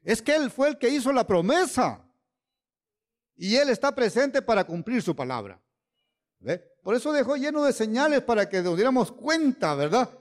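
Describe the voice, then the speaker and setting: Animated high-voiced male preacher. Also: moderate pace. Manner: keeps asking "¿ve?" and "¿verdad?"; swings from loud emphatic lines to low quiet asides. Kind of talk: sermon.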